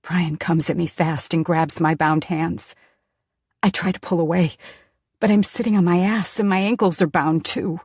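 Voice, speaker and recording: A woman narrating a first-person thriller audiobook in a tense, hushed voice that often drops near a whisper. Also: fairly low pitch, fairly even intonation, normal speed, slightly rough, dry recording, studio quality.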